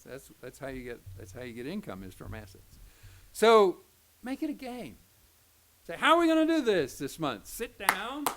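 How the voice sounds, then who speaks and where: Animated older pastor with Oklahoma twang. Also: male voice, on the high side. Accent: Oklahoma Southern American. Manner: joking, animated, acts out quoted voices. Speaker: pastor emeritus teaching Sunday school. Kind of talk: folksy Sunday school lesson.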